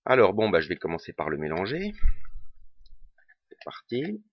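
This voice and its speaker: A man's voice: low voice, sing-song, quick pace, no room sound. A man with a regional French accent explaining a puzzle step by step, hesitant, with many fillers and self-corrections. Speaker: puzzle tutor. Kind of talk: casual spoken tutorial. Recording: dull, lo-fi home recording.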